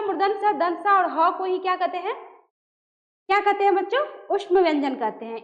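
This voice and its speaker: High-voiced woman teaching in an echoey room. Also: fairly bright tone. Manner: addresses students as children, asks and answers own questions. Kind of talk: classroom grammar lesson. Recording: echoey dull room recording.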